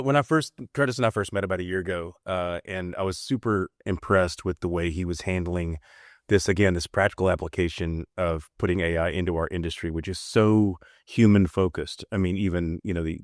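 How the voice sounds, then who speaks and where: Very deep-voiced earnest male host. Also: dry recording, clean studio sound. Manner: earnest, rambling questions with restarts. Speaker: podcast host. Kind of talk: casual podcast conversation.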